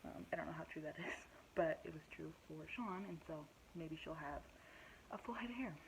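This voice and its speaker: A woman's voice: low-pitched, steady tone, a little fast, creaky, background noise. A young woman giving a casual pregnancy update vlog, out of breath, rambling with lots of fillers and self-deprecating asides. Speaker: vlogger.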